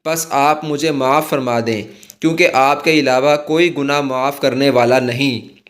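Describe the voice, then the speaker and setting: A man explaining a prayer and its meaning to viewers in an earnest, instructive way, reciting its words slowly and carefully. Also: medium pitch, steady tone. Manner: slow, careful recitation of Arabic supplication. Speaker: religious teacher. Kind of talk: scripted religious explainer.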